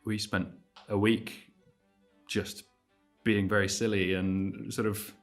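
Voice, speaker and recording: Flat-voiced man with a North Welsh accent. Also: lowish voice, slow, soft background music. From North Wales. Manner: relaxed, joking, restarts a lot. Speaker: folk musician in a trio. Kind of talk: casual introduction to camera.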